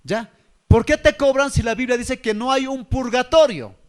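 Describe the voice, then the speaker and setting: A man's voice: extremely high pitch, moderate pace. A man, preaching a sermon and firing rhetorical questions at his listeners. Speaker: pastor.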